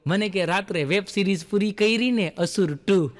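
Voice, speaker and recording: A man's voice: high voice, moderate pace, very noisy. A male stand-up comedian, telling folksy jokes and acting out the lines of his characters.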